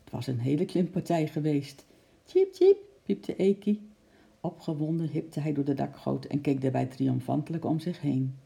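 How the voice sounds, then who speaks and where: A woman with a low, dark voice narrates a storybook chapter. Her tone is gravelly and mellow, and she reads in a calm, measured way.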